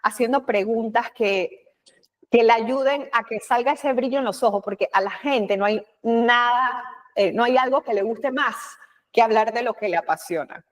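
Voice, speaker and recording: A woman's voice: a little high, moderate pace. A woman with a Panamanian Spanish accent, a communication expert talking expressively in an interview, with frequent fillers and quoted asides. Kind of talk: conversational interview.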